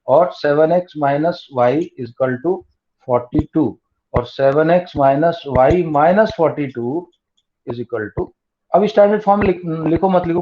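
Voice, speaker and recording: A man's voice: a little high, a little hiss or hum. A male maths tutor teaching an online class, mixing Hindi and English and explaining step by step with repeated key terms. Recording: dull lo-fi online class audio.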